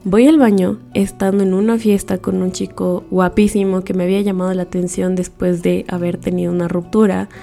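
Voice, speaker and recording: A young woman with a warm, mellow voice and a gravelly edge recounts a personal experience, slipping into her past thoughts as little quoted scenes. Faint music plays softly behind her. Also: lowish voice, level tone, brisk, few pauses. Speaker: storyteller. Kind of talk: personal storytelling.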